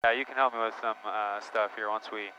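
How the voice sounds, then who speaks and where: A man talking as a pilot, casually narrating a flight in a halting, matter-of-fact way. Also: on the low side, steady tone, pushed and bright. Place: small airplane cockpit in flight. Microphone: aviation headset. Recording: dull, noisy aircraft cockpit intercom. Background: engine noise, radio.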